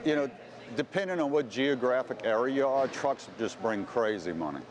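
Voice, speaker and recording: A man's voice: medium pitch, animated, moderate pace, noisy background. A man making informal remarks in an interview.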